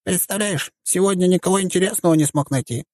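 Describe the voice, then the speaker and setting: A small, mischievous male god talks to his friend in a high, hushed, whiny voice, as a male audiobook reader puts him on. He sounds chummy and a bit tired. The tone is dark and close, with no room sound. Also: fast, no room sound.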